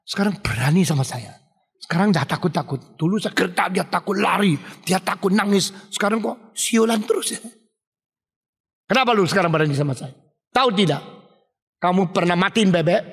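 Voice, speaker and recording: A man preaching voices a bossy older brother who bullies his little sibling, shouting threats. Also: high-pitched, expressive, fairly quick, breathy edge, heavily acted. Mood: indignant. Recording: echoey hall.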